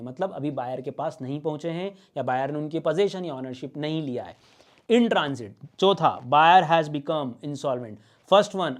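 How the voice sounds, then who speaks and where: A law teacher, a man with a high voice, runs an exam-prep lecture. He dictates definitions slowly, questions himself and answers right away, and slips into short playful dialogues to make a point. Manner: mixes Hindi and English, dictates definitions slowly; asks and answers his own questions.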